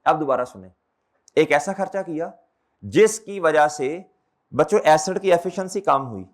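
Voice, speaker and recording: High-voiced male accountancy teacher lecturing. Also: lively intonation, a little slow. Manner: repeats questions back to students; calls students brother and children. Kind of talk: classroom lecture.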